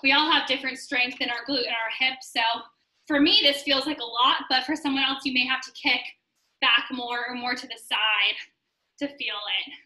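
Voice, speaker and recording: A young adult woman leading a guided workout class, giving steady counting cues while she exercises. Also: sits high, normal speed. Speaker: fitness instructor. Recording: roomy sound, distant from the mic.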